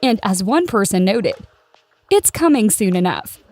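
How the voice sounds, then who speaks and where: Brief: woman, scripted news narrator, even measured read, soft music under. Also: medium pitch. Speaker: narrator of a celebrity news channel.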